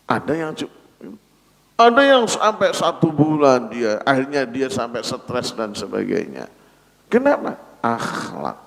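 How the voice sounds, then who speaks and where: A man's voice: medium pitch, sing-song, unhurried, creaky, fairly bright tone. A male preacher giving a mosque sermon, asking the congregation rhetorical questions. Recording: echoey hall.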